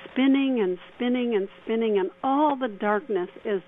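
A woman radio host leading a guided meditation in a slow, gentle, soothing way. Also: fairly high pitch. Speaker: radio host and spiritual counselor. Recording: tinny phone-like band, faint noise.

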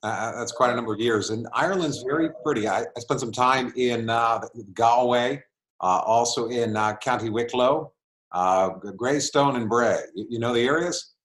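A man's voice: mid-range voice, normal speed, fairly bright tone. A man hosting an interview podcast, reading an introduction and asking questions with frequent repeated words. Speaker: podcast host.

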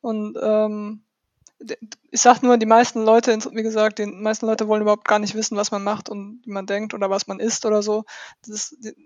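A podcast guest in casual conversation, speaking hesitantly and often trailing off quietly. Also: medium pitch, monotone, a little fast, no room sound, highs cut off.

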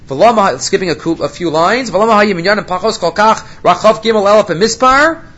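A man's voice: fairly high pitch, husky, highs cut off. A man giving a religious lecture as a Torah teacher, emphatic, asking and answering his own questions and mixing Hebrew quotations into English. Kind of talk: religious lecture on scripture commentary.

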